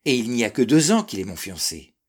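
A man's voice: mid-range voice, brisk, slightly rough. A man doing an eager young woman. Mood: teasing. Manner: teasing and lively.

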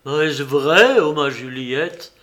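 A man's voice: a little high, slow, sharp tone, exaggerated voice. A man voicing a desperate, tormented young male lover in an audiobook, with impassioned, pleading delivery. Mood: joyful.

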